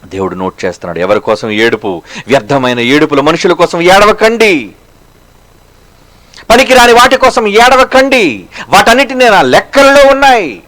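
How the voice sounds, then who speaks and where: A man preaching a sermon as a pastor, firing rhetorical questions at the listeners. He slows down for emphasis and swings between loud and hushed. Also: sits high, animated.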